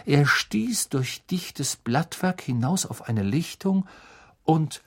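A man reading a children's novel aloud as an audiobook narrator, measured and expressive. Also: fairly high pitch. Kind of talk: scripted narration.

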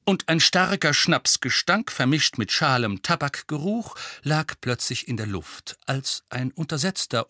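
Guy narrating an audiobook, really lively, crisp bright voice, dry close mic. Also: mid-range voice, no room sound. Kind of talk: expressive storybook narration.

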